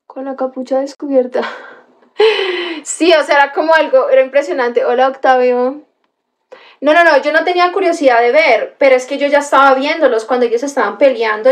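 Young woman, high voice, animated livestream chat host. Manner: animated storytelling with gasps and exclamations.

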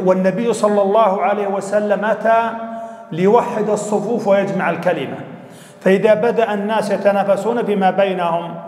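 High-voiced man teaching in an echoey hall. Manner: measured, explanatory, with self-restarts and repeated phrases. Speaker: Islamic teacher. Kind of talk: Quran commentary lesson.

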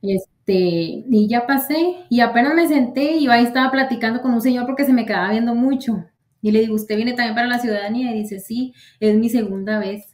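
A woman interviewee casually tells the story of her citizenship interview, quoting much of the dialogue. Her voice is a little high and darkish in tone, and she talks a little fast. The room is echoey.

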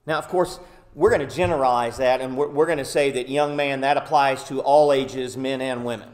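A male pastor preaches to his congregation in an earnest, emphatic way. His voice sits at an ordinary middle pitch for a man. He often pauses with "uh" and "um" between points. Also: fairly even intonation, darkish tone. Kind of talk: sermon. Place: church sanctuary.

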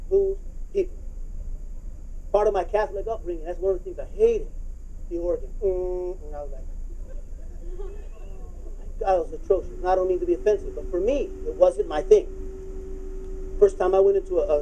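A middle-aged man preaching a sermon in a conversational but hyped, restless, over-caffeinated way, with a husky voice and phrases repeated for emphasis. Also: high-pitched, mellow, slight background noise, low-quality recording. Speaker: pastor preaching. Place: church auditorium, speaking from the stage to a congregation.

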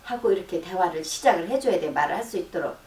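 A middle-aged counseling psychologist gives advice in a radio-style talk, explaining animatedly at a quick pace. She acts out sample lines of dialogue in a softer, lower voice. The sound is roomy and distant, with faint noise.

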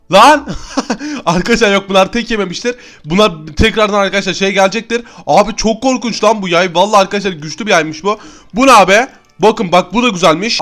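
A young man giving excited let's-play commentary to his viewers, exclaiming at every new find and talking straight to his audience. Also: high voice. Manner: excitable, keeps addressing viewers as friends. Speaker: gaming YouTuber.

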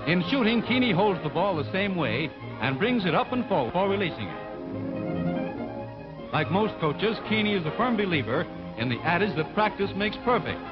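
A man giving formal, scripted sports narration on an old 1940s newsreel soundtrack. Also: high voice. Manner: formal, announcer-like delivery. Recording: dull lo-fi 1940s film sound with loud music. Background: loud music score.

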